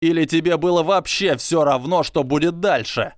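A man voicing a proud young boy wizard who shouts and chokes with rage. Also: fairly high pitch, normal speed, no echo, studio quality, voice pushed up, natural voice. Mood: seething.

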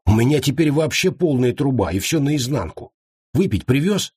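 A man's voice: mid-range voice, very animated, normal speed, darkish tone, slightly rough, dry recording, studio quality, voice pushed up. A man voicing a timid, earnest wild young man in an audiobook, hesitant and worried.

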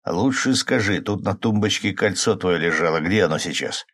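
A man voicing a rough, irritable drinking young man who talks gruffly and rudely, in an audiobook. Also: low-pitched, moderate pace, a bit bright. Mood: contemptuous. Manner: gruff, bellowing, rude.

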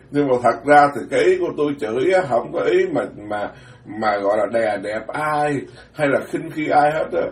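A man, a Buddhist monk giving a dharma talk in a blunt, plain-spoken way, alternating quick asides with slow, weighty phrases. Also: medium pitch, animated. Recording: roomy, distant mic.

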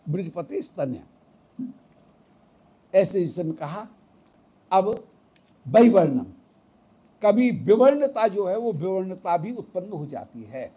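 A man's voice: high-pitched, sing-song, slow, pauses often, warm tone, husky. A man giving a devotional scripture discourse, chanting verses and explaining them line by line. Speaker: devotional storyteller.

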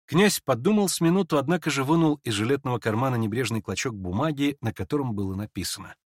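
A man narrating a classic novel in a calm, measured reading. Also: medium pitch, no room sound, clean studio sound. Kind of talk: literary narration.

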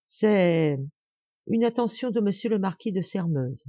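A flustered young woman stammers out her replies, as a woman reading an audiobook puts her on. She sounds halting but proud. The sound is dry and somewhat muffled. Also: medium pitch, lively intonation, mellow, no echo, natural voice.

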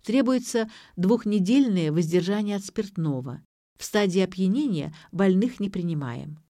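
A woman's voice: mid-range voice, expressive, moderate pace, mellow, dry recording, clean studio sound, natural voice. A woman voicing a solemn, formal middle-aged female clinic administrator. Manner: formal, pompous.

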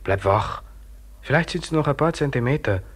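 An actor playing a stern inner voice that urges a man buried in the snow to keep counting and digging. He speaks in a breathy, hushed voice, often whispering, with terse, cold commands. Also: mid-range voice, lively intonation, normal speed. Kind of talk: radio drama acting.

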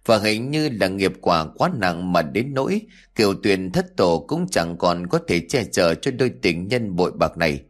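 Low-voiced man, steady, measured horror audiobook narration. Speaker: storyteller.

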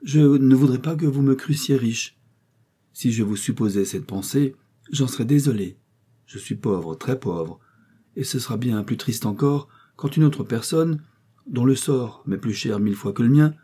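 A man's voice: medium pitch, lively intonation, normal speed, mellow, breathy edge, pitched above the performer's own voice. A man voicing a poor young baronet who passionately declares his love in a read-aloud novel, in a pleading, ardent way.

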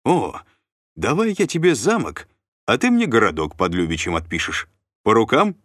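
A man's voice: lowish voice, huge pitch swings, normal speed, fairly bright tone, dry recording, studio quality, pitched above the performer's own voice. A man voicing a plump, sly and jovial noble uncle who banters and bargains. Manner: chatty, bantering, scheming.

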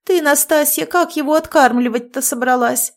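A woman's voice: sits high, normal speed, pitched above the performer's own voice. A woman reading an audiobook, voicing a bossy, doting old village grandmother. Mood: fussing.

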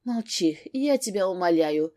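A woman's voice: lowish voice, expressive, a little slow, dark tone. A woman voicing a hurt young wife who speaks strained and near tears in an audiobook. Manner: strained, exclaiming.

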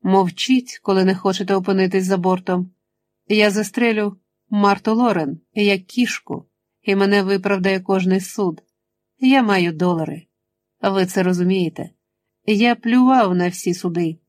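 A woman voicing a menacing, controlling male chemist in an audiobook, speaking slowly and insistently. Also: medium pitch, natural voice. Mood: threatening. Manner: slow, insistent, threatening.

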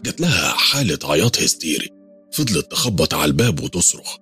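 A man's voice: low-pitched, big pitch swings, fast talker, pushed and bright, soft background music. A man with an Egyptian accent narrating a first-person horror story in a tense, confiding way.

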